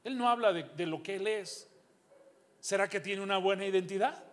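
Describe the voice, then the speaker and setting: A middle-aged man preaching a sermon in a church, throwing rhetorical questions at the congregation and swinging from loud calls to low asides. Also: normal speed. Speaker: pastor.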